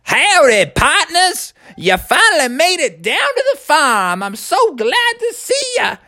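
A man's voice: extremely high pitch, huge pitch swings, unhurried, bright, forceful tone, no room sound, clean studio sound, voice pushed up, exaggerated voice. A man voicing Uncle Melvin, a hearty, folksy farmer bear. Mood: welcoming. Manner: hearty, countrified.

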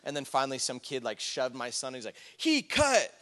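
A man's voice: mid-range voice, steady tone, quick pace, a bit bright, clean tone. A man, preaching a casual, conversational sermon with personal stories, chatty asides and fillers. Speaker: pastor. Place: church sanctuary. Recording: church hall with long reverb.

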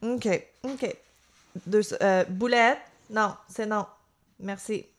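A woman with a Quebec French accent, telling a crime story in a chatty, animated way on a podcast. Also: mid-range voice, takes it slowly. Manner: animated, chatty, with many fillers. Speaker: podcast co-host. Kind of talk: casual storytelling chat.

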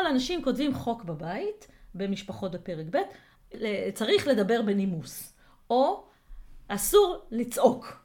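Woman co-host, higher register, thoughtful conversational delivery with frequent hesitations. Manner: reflective, explains with examples, many hesitations. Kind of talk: casual podcast discussion.

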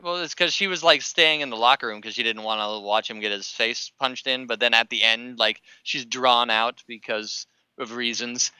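A man's voice: mid-range voice, moderate pace, hardly any pauses, pushed and bright, clean tone, dry recording, poor audio. A man co-hosting a casual movie chat, joking and laughing often.

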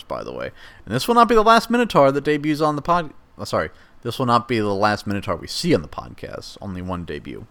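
A man's voice: fairly low pitch, fairly bright tone. A man hosting a podcast, casually recapping a movie plot in a rambling, chatty way and voicing the characters' lines as he goes. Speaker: podcast host.

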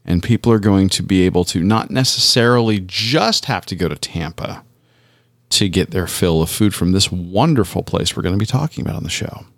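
A man's voice: low-pitched, a little fast, no room sound. A man co-hosting a casual podcast, playful with dry jokes. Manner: playful, dryly joking. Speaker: podcast co-host.

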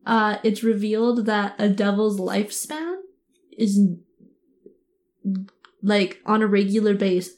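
A woman at a middle pitch joins a loose recap conversation. She adds details in a relaxed, conversational way. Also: slow, long pauses. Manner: chiming in with added details. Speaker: podcast co-host. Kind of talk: casual recap chat.

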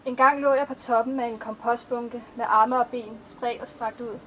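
A woman reading her own poems aloud at a live event, in a slow, measured recital. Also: on the high side, fairly even intonation, sharp tone, slight background noise, low-quality recording. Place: outdoor festival stage.

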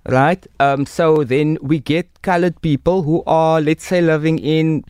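A man's voice: on the high side, fairly even intonation, unhurried, a little mellow, clean tone, no echo, studio quality. A man with a Cape Town Coloured South African accent, talking with conviction in conversation and explaining through examples and analogies. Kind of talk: impassioned conversation.

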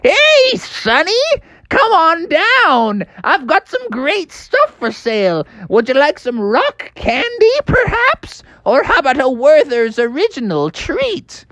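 A woman voicing an old male gold miner shopkeeper with a squeaky, crotchety old-timer drawl. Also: very animated, slow, a bit bright, no echo, heavily acted. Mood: folksy.

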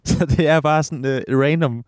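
Smooth-voiced young man telling stories. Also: a little high, darkish tone, dry recording. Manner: laughing, telling anecdotes, many restarts. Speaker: podcast co-host. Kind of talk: casual chat.

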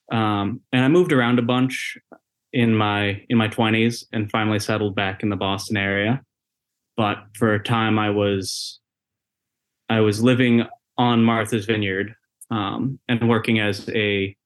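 A man from Massachusetts in his thirties, a tattoo artist answering interview questions thoughtfully with fillers. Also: on the low side. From USA, Massachusetts.

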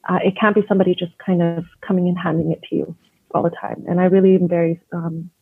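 A Canadian educator being interviewed as a guest speaks fast in a husky, fairly low voice with little pitch movement, earnest and thoughtful and often restarting. The conversation comes through a dry, phone-like line with no echo.

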